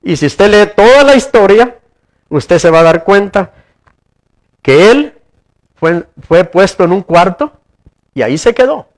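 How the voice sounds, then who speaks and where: A man with a strikingly high voice preaches to his congregation in a church. He poses questions to the listeners and circles back over his words in a sermon cadence. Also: very animated, measured pace, long pauses. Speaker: pastor.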